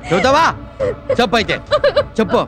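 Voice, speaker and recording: A man's voice: sits high, very animated, fairly quick, music in the background. An actor playing a bossy middle-aged husband and local politician who nags and lectures his wife, in a film comedy scene. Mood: teasing. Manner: nagging, lecturing, mock-pleading. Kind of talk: Telugu film comedy acting. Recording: film soundtrack with background score.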